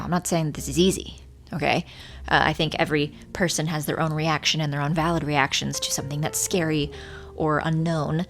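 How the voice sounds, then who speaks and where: A woman in her thirties talking casually and reflectively to her viewers in an earnest, musing way, with rain around her. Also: deep voice. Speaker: vlogger. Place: hotel room. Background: rain from a storm, faint music.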